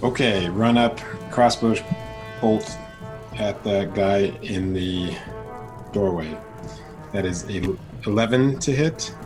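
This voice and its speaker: A man's voice: on the low side, slow, long pauses, music in the background. A man playing a tabletop game, stating his moves in a plain, matter-of-fact way. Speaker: player. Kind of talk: casual tabletop play.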